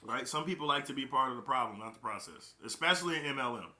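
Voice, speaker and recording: Emphatic young man, bright and roomy. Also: mid-range voice, animated, fast, slight background noise. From Chicago, Illinois. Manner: emphatic, repeats key phrases. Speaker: network marketing recruiter. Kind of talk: casual motivational talk. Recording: roomy echo.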